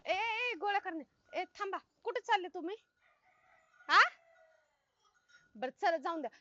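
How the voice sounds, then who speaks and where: A woman's voice: extremely high pitch, lively intonation, unhurried, full character voice. A brash, bossy village woman. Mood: bossy, puzzled. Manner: loud, scolding, rustic chatter. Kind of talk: comic web film acting. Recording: dull, dry film sound.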